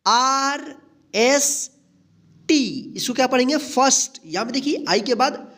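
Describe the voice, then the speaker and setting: A teacher giving a voice-over phonics lesson, spelling English words letter by letter and then reading each one aloud. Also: medium pitch. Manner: asks the class questions and answers them himself.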